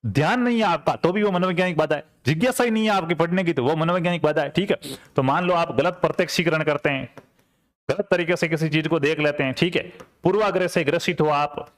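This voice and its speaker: A man's voice: fairly high pitch, fast. A man, teaching an exam-prep lecture conversationally and repeating key terms with rhetorical check-ins. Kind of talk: classroom lecture.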